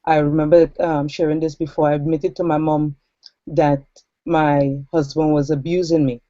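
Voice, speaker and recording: A woman's voice: low voice, flat delivery, warm tone, no room sound. A woman in her forties from Trinidad, earnestly telling her personal story as an interview guest. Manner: earnest, reflective, with pauses and fillers. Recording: dull lo-fi sound.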